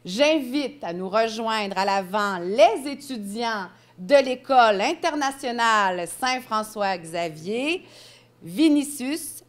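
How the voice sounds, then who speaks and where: A woman hosting a public launch event, introducing guests and calling up students in a measured, formal way. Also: on the high side, lively intonation. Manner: measured, announcing names. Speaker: event host.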